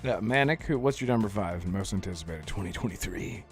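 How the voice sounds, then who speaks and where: A man co-hosting a gaming podcast, easygoing, with quick asides. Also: low voice, animated, faint music behind. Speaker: podcast co-host. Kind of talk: casual gaming podcast chat.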